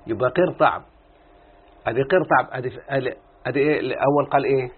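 A man with an Egyptian Arabic accent and a mid-range, slightly breathy voice teaches a classroom lesson at a quick pace, with call-and-response. He keeps checking in with students, repeats points, and stretches syllables as he explains. The sound is tinny and phone-like lo-fi, with faint background noise.

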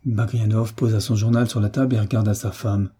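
A man narrating an audiobook in French in a measured, steady reading. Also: on the low side, breathy edge. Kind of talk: scripted narration.

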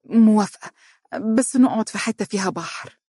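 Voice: medium pitch, fairly quick, warm tone, slightly rough, dry recording, studio quality, voice pushed up, close to an everyday voice. A narrator voicing a playful, stubborn young woman who speaks with an Egyptian accent, in a teasing tone. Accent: Egyptian Arabic.

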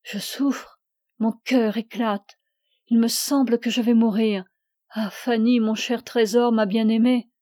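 A man's voice: very high-pitched, level tone, moderate pace, mellow, no room sound, studio quality. A woman reading the part of an exhausted young man, tearful and pleading over a lost love. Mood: anguished. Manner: pleading, anguished.

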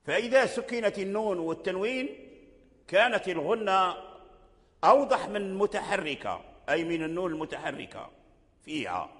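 Sheikh guy lecturing, keeps repeating himself, pretty high voice, lots of hall echo. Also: sing-song, a bit bright. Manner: repeats phrases, slow deliberate explanation. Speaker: sheikh teaching Quran recitation. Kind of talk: religious lecture. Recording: long hall reverb.

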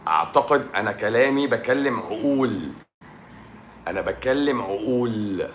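A man with an Egyptian accent, a doctor hosting a live stream and answering viewers' comments, teasing and sarcastic, dropping to mutters and then rising to loud bursts. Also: on the low side, animated, moderate pace, roomy sound, a little hiss or hum. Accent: Egyptian Arabic.

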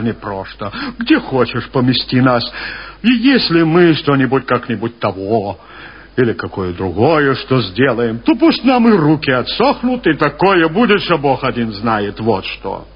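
A man's voice: medium pitch, big pitch swings, moderate pace, slightly rough. A man voicing a cheerful, hungry young seminary student who pleads and coaxes, in a dull lo-fi recording. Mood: pleading. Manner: pleading, coaxing.

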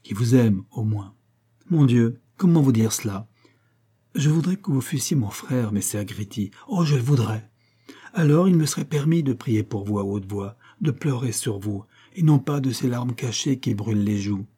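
A man reading aloud who voices an earnest, pious sixteen-year-old Venetian girl, pleading softly and at times in a hushed voice. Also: mid-range voice, lively intonation, normal speed, slightly rough. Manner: pleading, soft and dreamy, sometimes whispered.

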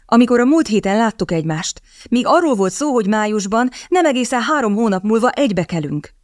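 A woman's voice: a little high, expressive, no room sound, clean studio sound, pitched above the performer's own voice, lightly acted. A woman reading the part of a proud young lady who speaks sharply and with cutting sarcasm. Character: young woman, proud, quick-witted, indignant.

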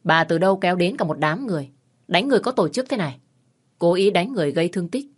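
Woman reading as a calm, confident male lawyer. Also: lowish voice, husky. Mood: cool. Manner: measured and coolly threatening.

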